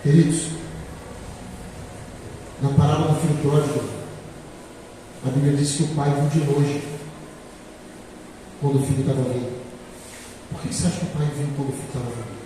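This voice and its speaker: A man in his forties preaching a sermon as pastor, swinging between quiet reflection and loud emphasis. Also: fairly high pitch, steady tone, normal speed, pauses often, slight background noise. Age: 40s. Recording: echoey hall from far off.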